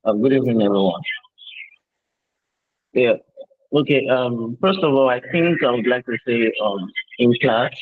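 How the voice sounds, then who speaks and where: A man's voice: medium pitch, unhurried, long pauses, no room sound. A man giving earnest course feedback on a video call over a bad connection, hesitant and full of fillers. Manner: earnest, many fillers and restarts. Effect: bad connection, tinny and phone-like. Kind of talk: casual spoken testimonial on a video call. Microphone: video call mic with interference. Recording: tinny phone-like call line.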